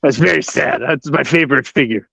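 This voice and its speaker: A man joking around deadpan in a casual chat stream. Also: fairly high pitch, brisk, creaky, husky, no echo. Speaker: stream co-host.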